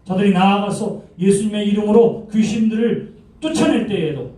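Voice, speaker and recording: A man's voice: high-pitched, moderate pace, warm tone. A man pastor preaching a Sunday sermon, dramatically acting out the pleas and commands he quotes. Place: church sanctuary. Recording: echoey church hall, voice from far off.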